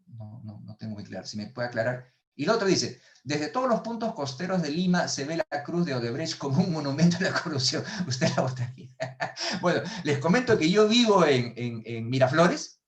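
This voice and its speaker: A middle-aged Peruvian man lectures on economics over a video call, his pitch sitting in the middle range for a man. He talks in a halting way, repeating little words and restarting sentences as he answers questions. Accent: Peruvian Spanish. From Peru. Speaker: economics professor.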